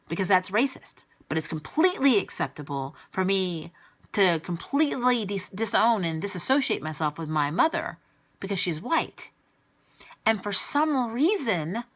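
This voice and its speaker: Speaking straight to camera, an American woman vlogger answers her critics in an exasperated, emphatic and blunt way. Her voice is lowish with a fairly bright tone, and the clip is a direct-to-camera rebuttal vlog.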